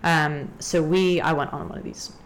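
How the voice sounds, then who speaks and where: A young woman from Hong Kong telling a story in a casual podcast chat, ranty and animated. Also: low voice, normal speed, noisy background. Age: young adult. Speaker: guest.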